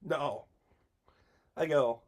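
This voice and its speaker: A man with a voice a touch above average in pitch co-hosts a casual talk show. He tells stories loosely, swears often and laughs as he goes. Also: very slow. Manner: loose storytelling, heavy cursing, laughs mid-story. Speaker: podcast co-host. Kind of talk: casual chat.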